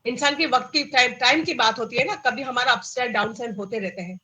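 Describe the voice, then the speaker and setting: A middle-aged woman from India with an Indian accent, telling her personal story in an animated way and mixing in English phrases. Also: a little high, fairly quick, low-quality recording. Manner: animated, acts out quoted dialogue, mixes in English phrases. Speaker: cancer survivor guest.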